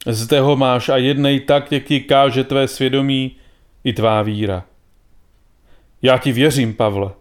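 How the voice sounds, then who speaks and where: A man's voice: mid-range voice, fairly even intonation, lightly acted. A man voicing a solemn, pious old grandfather. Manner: solemn, grave.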